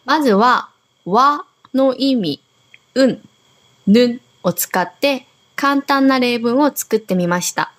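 A woman's voice: fairly high pitch, animated, slow pace. A Korean woman hosting a radio language lesson, patiently explaining grammar and modelling words to repeat. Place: Okinawa.

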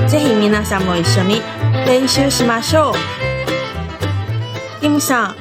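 A woman from Taiwan co-hosting a language lesson podcast, curious and asking the host questions. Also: a little high. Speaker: Chinese language instructor, co-host.

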